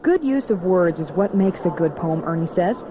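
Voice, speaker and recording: A woman's voice: on the low side, lively intonation, moderate pace. A woman reading scripted documentary narration. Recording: dull lo-fi, clear background noise.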